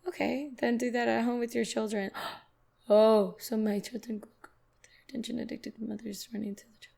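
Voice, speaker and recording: A young woman hosting a reaction video, talking back to a clip in a lively, casual way and laughing often. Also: fairly high pitch, moderate pace, creaky.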